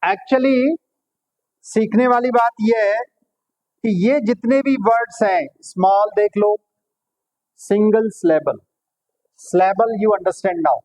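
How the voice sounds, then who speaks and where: A man teaching English grammar in a classroom, explaining patiently and quizzing his pupils, calling them "beta" and checking if it's clear. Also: sits high, slow pace, long pauses, darkish tone, low-quality recording.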